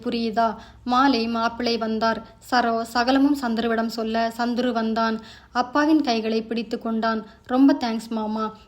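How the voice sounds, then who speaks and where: A woman tells a family story aloud, carrying narration and dialogue alike in one steady storytelling voice. Her voice sits a little higher than most women's. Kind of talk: narrated family story, reading all the parts.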